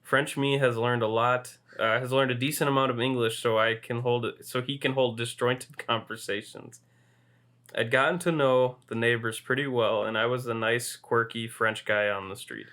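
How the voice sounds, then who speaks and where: A man's voice: medium pitch, fairly even intonation, normal speed, fairly bright tone. A man co-hosting a podcast, reading a story aloud and laughing now and then as he reads. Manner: amused, laughs while reading. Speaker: podcast co-host.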